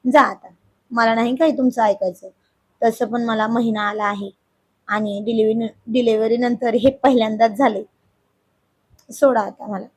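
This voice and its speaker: A woman voicing a shy young wife who scolds her husband, in a husky voice. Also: on the high side, fairly even intonation, normal speed, pauses often. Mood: bashful protest. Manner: scolding, bashful.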